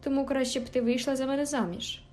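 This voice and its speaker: A woman's voice: sits high, fairly even intonation, quick pace, darkish tone, pitched above the performer's own voice, close to an everyday voice. A woman voicing a sickly, spoiled teenage boy in an audiobook, whiny, petulant and taunting. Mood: wheedling. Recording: faint background music.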